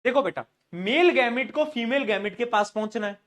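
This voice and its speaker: In a live online science class, a man with a very high-pitched, fairly bright voice speaks at normal speed. He keeps things playful, joking with students and quizzing them before supplying the answers himself.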